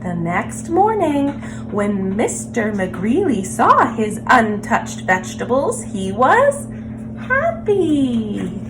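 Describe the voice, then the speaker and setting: A woman reading a children's picture book aloud as a story time host, expressively and with drawn-out emphasis on words. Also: on the high side, huge pitch swings, music in the background, low-quality recording.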